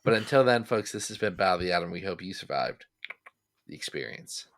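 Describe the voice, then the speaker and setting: A man co-hosting a comics podcast in casual comedic chat, jokey and animated, swinging between loud bursts and mumbles. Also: low-pitched, brisk. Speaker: podcast co-host.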